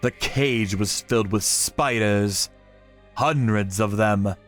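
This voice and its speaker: A manga channel narrator tells a dramatic first-person story with theatrical delivery. His voice is fairly low and slow, with faint music behind it.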